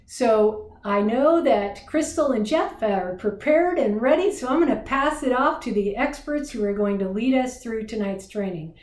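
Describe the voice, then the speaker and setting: An echoey recording of a woman with a fairly high voice. She speaks as a webinar host, making an informal introduction. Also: animated, moderate pace, few pauses, darkish tone. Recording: roomy, echoing sound.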